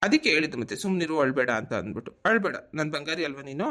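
A man's voice: on the high side, big pitch swings, racing, pushed and bright. A man voicing an affectionate village father home from the city, coaxing and fatherly. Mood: soothing. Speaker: cartoon voice actor. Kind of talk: cartoon voice acting.

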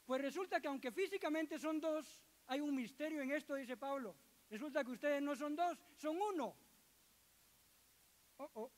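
A middle-aged man preaches to his congregation in a strikingly high voice. He jokes with the listeners and slips into quoted voices as he talks. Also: normal speed. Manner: lively, joking with the congregation, acting out quoted voices. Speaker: church elder preaching. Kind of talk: sermon.

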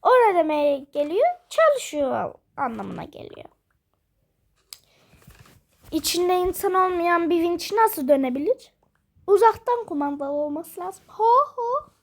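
A young female gamer, sick and coughing, chatting quietly from her bedroom while she plays, rambling with lots of fillers. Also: very high voice, very animated, a little slow, creaky, long pauses. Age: school-age. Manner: rambling, many fillers, self-amused. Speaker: gaming vlogger. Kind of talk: casual let's-play chat. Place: bedroom at home.

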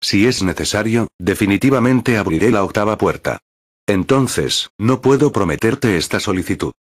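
This is a bold, cheerful grown ninja , as a male narrator reads him. He speaks in hearty, earnest declarations in a low voice. The recording is dry and close, with no room sound. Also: animated, normal speed, slightly rough, dry recording.

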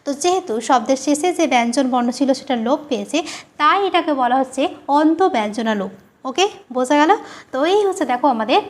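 A woman teaching a grammar lesson, repeating key terms slowly and asking questions she answers herself. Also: sits high.

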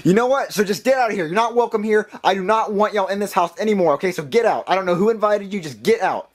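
A man's voice: high-pitched, fast talker, a little hiss or hum, lightly acted. Man doing a whiny, put-upon cartoon plumber. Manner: whining, repeats himself, breaks into crying. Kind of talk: puppet comedy skit.

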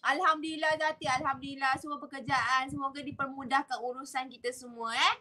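Chatty Malaysian woman, bright high voice. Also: steady tone, fairly quick, poor audio. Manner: chatty, mixes English into Malay, laughs often. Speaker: HR live session host. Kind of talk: casual live-stream talk.

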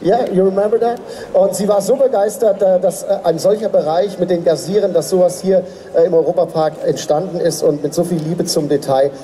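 Chatty male stage host, dark voice. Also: high voice, fairly even intonation, brisk, a little hiss or hum. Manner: chatty, anecdotal, audience-rousing. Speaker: pageant host. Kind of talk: stage hosting. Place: outdoor stage. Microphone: handheld mic.

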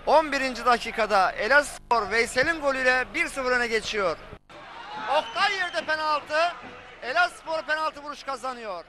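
An excitable man giving live football match commentary and repeating key phrases. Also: extremely high pitch, moderate pace, noisy background.

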